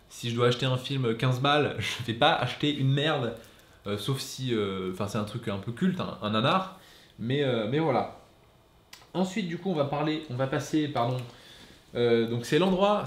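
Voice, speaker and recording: A man talks casually about his purchases, stopping often to hesitate and restart. His voice sits in a middle range. The room around him gives back a clear echo. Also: mid-range voice. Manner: hesitant, many fillers and restarts. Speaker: film collector vlogger. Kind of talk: casual chat.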